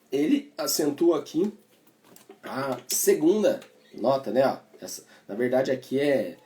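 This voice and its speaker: A man's voice: mid-range voice, dark tone, a little hiss or hum. A Brazilian man teaching cavaquinho in a casual, chatty way, explaining as he plays and tagging his sentences with little fillers. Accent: Brazilian Portuguese. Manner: chatty, explains while playing, many filler tags. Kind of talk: casual music lesson. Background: cavaquinho playing.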